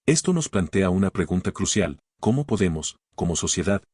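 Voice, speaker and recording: A man hosting a podcast, reading scripted literary commentary in a measured, formal way and posing rhetorical questions. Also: sits low, very animated, a little mellow, breathy edge, dry recording, clean studio sound. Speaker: podcast host.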